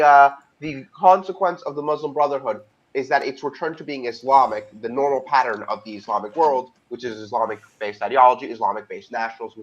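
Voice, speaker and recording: A man's voice: medium pitch, muffled recording. A man making an assertive, lecturing point in an online debate. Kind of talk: argumentative debate.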